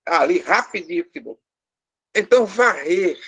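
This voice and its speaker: A man's voice: high voice, animated, a little slow, a bit bright, breathy edge. A man with a Brazilian Portuguese accent teaching a live class, explaining step by step, quizzing his students and joking with them. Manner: lightly teasing, joking with the class. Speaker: language teacher.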